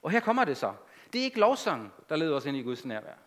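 Male preacher, sermon, slightly high voice, very lively intonation, emphatic. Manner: animated, emphatic preaching with asides.

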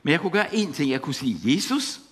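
A man's voice: fairly high pitch, animated, fairly bright tone. A middle-aged man preaching a sermon, passionate and full of repeated exclamations, telling stories from his life. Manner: impassioned, repetitive exclamations; storytelling with laughter.

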